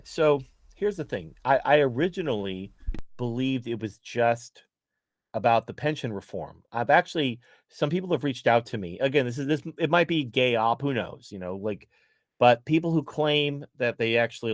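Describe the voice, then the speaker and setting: A man's voice: medium pitch, animated, normal speed, no room sound, clean studio sound. A man as a podcast guest, ranting bluntly in casual political chat, swearing often and restarting his sentences.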